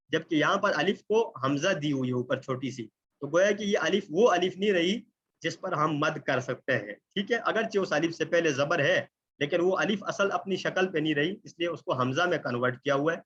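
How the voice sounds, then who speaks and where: A man teaching an online recitation lesson, explaining patiently, checking in often and drawing out example words slowly. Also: on the high side, fairly bright tone, breathy edge, muffled recording. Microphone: computer mic on a video call.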